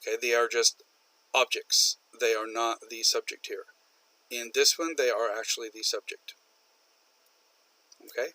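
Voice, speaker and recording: A man's voice: medium pitch, steady tone, unhurried, long pauses, bright, forceful tone, poor audio. A man lecturing a university business English class, patiently repeating and stressing example sentences. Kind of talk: recorded online lecture.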